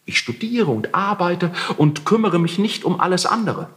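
A sly young tenant who meets his angry landlord with overdone politeness and ironic evasions, as a man reads him aloud in a literary reading. The voice sits raised above the reader's own and swings lively through each sentence. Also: high-pitched, normal speed, voice pushed up. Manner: exaggeratedly courteous, ironic.

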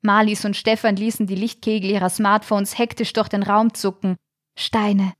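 A woman narrating a short suspense story in a measured, tense storytelling manner. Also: medium pitch, little pitch movement, no echo, clean studio sound. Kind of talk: scripted audiobook narration.

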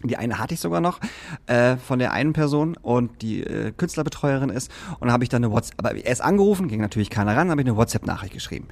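Sex: man. Style: casual chat. Pitch: medium. Pace: quick. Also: gravelly. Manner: animated storyteller, swears casually. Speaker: podcast co-host, artist manager.

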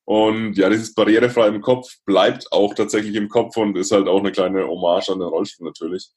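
A man, a podcast guest speaking reflectively, with pauses and restarts. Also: fairly low pitch, fairly even intonation, darkish tone. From Franconia, Germany. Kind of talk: podcast interview.

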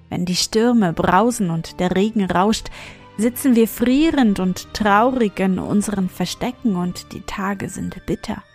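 Wieglinde, a soft wistful butterfly fairy, as a woman puts her on. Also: mid-range voice, husky. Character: delicate female butterfly fairy, gentle and wistful.

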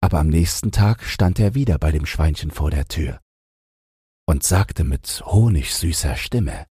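A man narrating a fairy-tale audiobook in slow, expressive storytelling, with a deep, gravelly, husky voice. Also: no room sound, studio quality.

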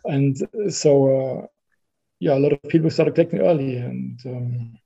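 A man's voice: mid-range voice, normal speed, creaky, warm tone, breathy edge. A man chatting casually and unscripted on a podcast, somewhat hesitant and repeating words as he builds his sentences. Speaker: podcast guest, card collector. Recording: dull, slightly muffled audio.

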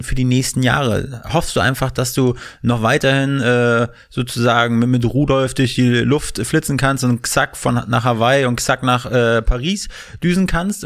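A man's voice: mid-range voice, vocal fry. A male co-host in a casual interview, asking chatty, playful questions.

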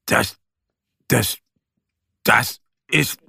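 A man's voice: low-pitched, steady tone, slow pace, bright, forceful tone, slightly rough, no echo, studio quality, heavily acted. A man voicing a shy little male bear in a children's story who stammers when nervous. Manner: stammering, hesitant.

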